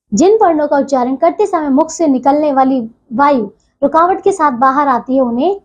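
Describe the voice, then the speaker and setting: A woman teaching a grammar lesson to children, slowing down to spell out each sound and checking in again and again. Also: high voice, darkish tone. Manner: repeats "ठीक है" as a check-in, slows to spell out sounds. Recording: dull lo-fi audio.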